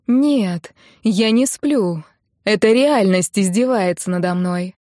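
A woman reads a first-person novel in an even storytelling delivery at a middle pitch. The recording is dry and close, with no room sound. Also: takes it slowly, no room sound. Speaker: audiobook narrator.

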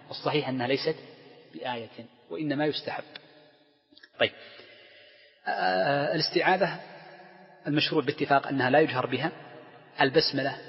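A man, a scholar, teaching a lecture on Islamic law, explaining step by step and putting rhetorical questions to his class. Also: mid-range voice. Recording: dull lo-fi recording with long hall reverb.

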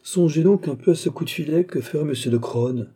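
A man's voice: fairly high pitch, a little fast, warm tone, breathy edge, pitched above the performer's own voice. A man as a suave, ironic count. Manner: phlegmatic, polite, mocking. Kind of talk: audiobook character reading.

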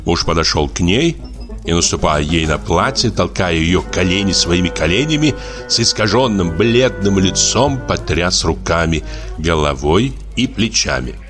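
A man narrating a literary audiobook with an expressive, lively reading. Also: low voice, moderate pace, over music.

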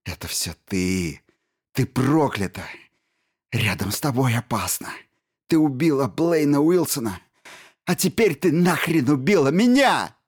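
A man voicing a badly wounded male astrophysicist who shouts and wails in pain in an audiobook. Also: medium pitch, sing-song, unhurried, breathy edge, voice pushed up. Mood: agonized raving. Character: injured male astrophysicist in agony, raving.

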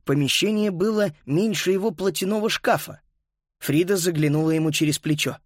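Male audiobook narrator, lively, dry sound. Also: on the high side, fairly quick, no echo. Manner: lively storytelling, voicing each child. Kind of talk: audiobook narration of a children's story.

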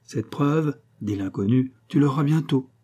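A man reading an audiobook and voicing a cold, scheming mysterious man who speaks calmly and with command. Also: mid-range voice, unhurried, slightly rough, voice pushed up. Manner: icy, calm, commanding.

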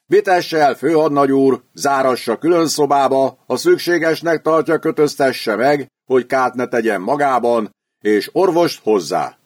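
A man's voice: medium pitch, no room sound, studio quality, pitched above the performer's own voice, lightly acted. A male narrator voicing a jittery aristocratic colonel who barks short commands at his officers. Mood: urgent orders. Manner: barking commands. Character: anxious, blustering male baron colonel. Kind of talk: audiobook character voice.

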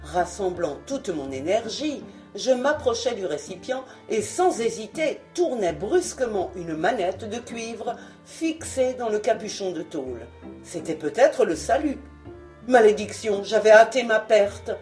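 A woman narrating a novel in an expressive, dramatic audiobook reading. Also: mid-range voice, unhurried, faint music behind. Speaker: audiobook reader. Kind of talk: scripted narration.

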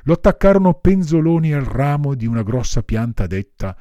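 A man with a mid-range, mellow voice reads a classic children's story aloud, his sing-song delivery brisk, dramatic and full of variety. It's expressive audiobook narration with no echo.

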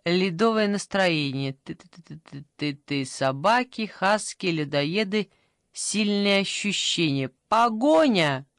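A woman voicing a brisk, strict young female phone operator in an audiobook, pushy and salesy, recorded dry and close. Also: on the low side, lively intonation, no echo. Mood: pushy selling. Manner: pushy, salesy, rattling off offers. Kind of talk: audiobook character voice.

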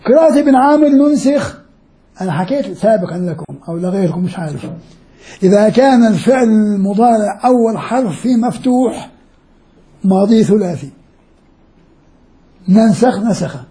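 Man, very high voice, very dark mellow tone, patient classroom lecture, repeats words slowly. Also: animated. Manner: explains step by step, repeats words slowly, quizzes students. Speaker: Islamic studies lecturer. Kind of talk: classroom lecture on Quran readings and grammar.

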